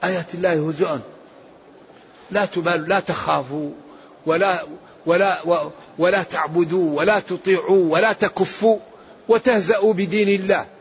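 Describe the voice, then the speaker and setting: A man's voice: high-pitched, fairly even intonation, normal speed. A man giving a Quran commentary lesson as a religious scholar, emphatic and rising sharply when he recites verses. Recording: dull lo-fi recording with faint hiss.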